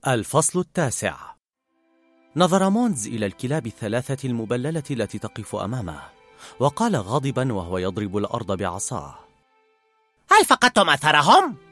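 A man narrating a storybook in an expressive, animated reading. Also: medium pitch, fairly quick, no echo, soft background music.

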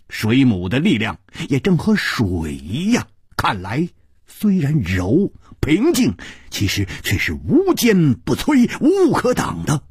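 A man telling a traditional tale in a husky, grainy voice that swoops between high and low. His narration is dramatic and rises and falls constantly. The sound is close and dry, with no room around it. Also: no room sound. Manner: dramatic, rising and falling delivery. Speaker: storyteller. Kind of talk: traditional Chinese storytelling narration.

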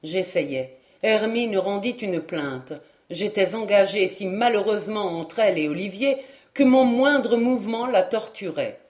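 Slow, measured audiobook narrator. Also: medium pitch, darkish tone. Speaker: audiobook reader. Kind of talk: first-person literary narration.

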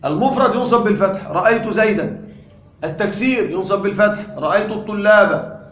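High-voiced man teaching in an echoey room. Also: a bit bright. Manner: quizzes the class with frequent questions; repeats key points deliberately. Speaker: grammar teacher. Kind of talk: classroom lecture. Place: classroom.

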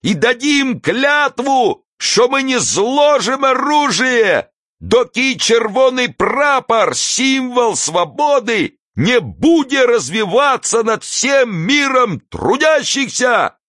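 A fervent street orator, as a man puts him on, pitched far above a normal speaking voice and stretching out every slogan. He mixes Ukrainian words into his speech and sounds recorded close and dry. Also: big pitch swings, slow pace, a bit bright, dry recording, exaggerated voice. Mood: rousing.

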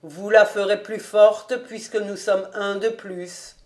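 A man's voice: sits high, flat delivery, slow pace. A woman voicing a bossy professor in a storybook, who calls out and gives orders at an inn. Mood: ordering.

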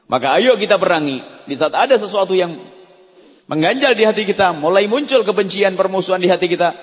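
A man preaching a sermon to a gathering in a lively, conversational way, addressing the audience directly and acting out mock prayers. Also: high voice, a little fast. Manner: animated, acts out mock prayers and quoted voices. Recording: dull lo-fi recording with long hall reverb.

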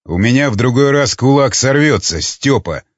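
A man voicing a gruff, stern searcher. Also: medium pitch, expressive, normal speed, no echo, dull audio, close to an everyday voice. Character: gruff steady adult male searcher.

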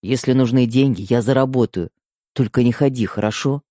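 A man's voice: medium pitch, fairly quick, mellow, dry recording, clean studio sound, natural voice. A man playing a protective teenage younger brother who talks strictly and wearily in an audiobook. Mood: weary. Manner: strict, weary. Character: teenage boy, protective younger brother, stern but tired. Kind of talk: audiobook character voice.

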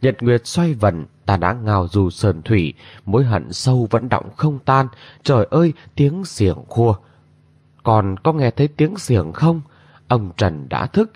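A man voicing an aging noble lady who laments old guilt in long, drawn-out cries, on a dull lo-fi recording. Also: medium pitch, very animated, darkish tone, dry recording. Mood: anguished.

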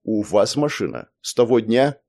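A man's voice: lowish voice, sing-song, normal speed, darkish tone. A man reading an audiobook and voicing a stern male guard who questions a witness in short, demanding lines.

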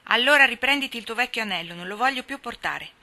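Woman voicing a jealous little boy, higher and loud. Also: lively intonation, quick pace, heavily acted. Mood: reproachful.

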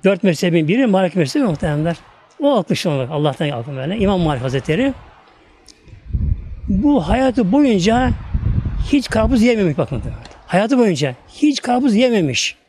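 A man's voice: high voice, very animated, moderate pace, a little mellow, slight background noise. A male preacher telling a religious story in a sermon, fervent and repetitive as he repeats his phrases.

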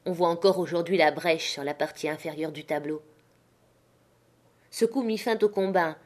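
A woman reading an adventure novel aloud as an audiobook narrator, in a steady, measured storytelling manner. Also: on the low side. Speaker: audiobook reader. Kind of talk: scripted narration.

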